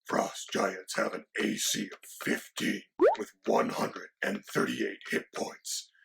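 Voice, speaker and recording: A man voicing a mock-menacing male dragon sidekick who explains monster lore in a hushed, lecturing way. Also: on the low side, slow pace, vocal fry, breathy edge, full character voice. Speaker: co-host.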